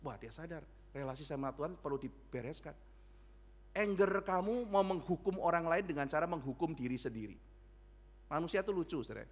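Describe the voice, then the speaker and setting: Pastor preaching with lively storytelling. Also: male voice, fairly high pitch, a little fast. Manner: animated storytelling with acted dialogue. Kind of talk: sermon. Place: church sanctuary.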